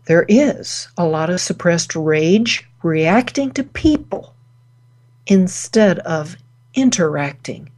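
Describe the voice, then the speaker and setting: Slow, deliberate woman giving a talk. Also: fairly low pitch, darkish tone. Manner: slow, deliberate, pausing between phrases. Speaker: host. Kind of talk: spoken wellness talk.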